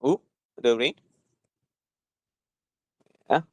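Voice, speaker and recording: A man with a Malaysian accent giving an informal lesson as a tutor, repeating himself and often tagging phrases with little checking words. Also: drawn-out words. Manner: repetitive, punctuating with "right?" and "lah". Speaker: chemistry tutor.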